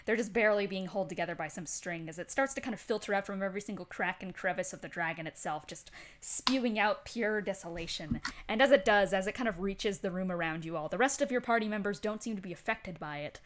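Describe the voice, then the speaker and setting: A woman's voice: medium pitch, fast, a little hiss or hum. Woman game master narrating a tabletop game.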